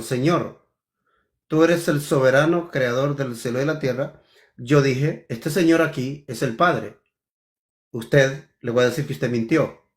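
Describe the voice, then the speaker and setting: A man in a heated theological debate, accusing his opponent and stressing key words over and over. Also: a little high.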